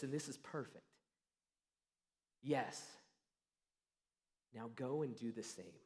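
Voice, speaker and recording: Higher-voiced man preaching in a reverberant hall. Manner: earnest storytelling with dramatic pauses, trailing off softly. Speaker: pastor. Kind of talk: sermon. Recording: long reverb of a church hall.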